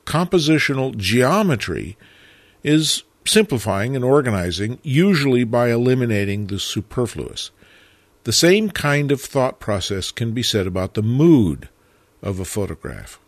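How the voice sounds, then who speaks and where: A man narrating a photography lesson in a measured, reflective way, stressing key words. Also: medium pitch, sing-song, dry recording. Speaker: photography teacher. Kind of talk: scripted narration.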